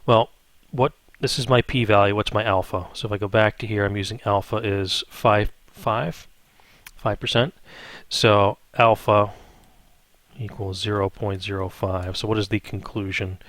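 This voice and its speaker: Speaking a little slowly in a steady, fairly low tone, a math instructor improvises an informal spreadsheet tutorial one step at a time. He reasons out loud and keeps asking little check-in questions such as "right?", while his slightly bright voice comes through dry, with no room sound at all.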